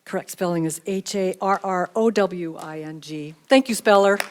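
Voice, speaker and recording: A woman acting as spelling bee pronouncer, reading out words and definitions in a measured, clearly enunciated way. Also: fairly low pitch, a little hiss or hum.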